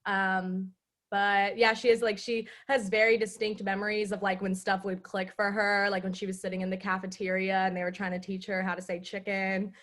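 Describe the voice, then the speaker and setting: A woman's voice: mid-range voice, flat delivery, moderate pace, a bit bright. A young woman in casual chat on a video call, animatedly telling a story about her mother. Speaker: student club member.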